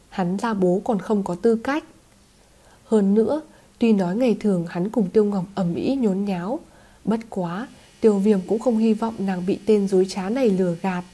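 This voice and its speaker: A woman reads a fantasy novel aloud as an audiobook narrator. Her voice is mellow and soft-edged, with a steady, even delivery. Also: medium pitch. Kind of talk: scripted narration.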